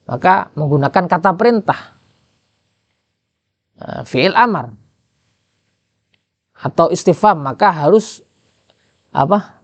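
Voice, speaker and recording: A man's voice: on the high side, creaky, no room sound. A man with a Javanese accent teaching Islamic jurisprudence, reading and translating an Arabic text and quizzing his listeners with rhetorical questions.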